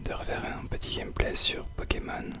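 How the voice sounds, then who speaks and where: A man whispers softly, very close to the ear, as he gives ASMR gameplay commentary. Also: fairly quick. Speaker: host of an ASMR gaming video.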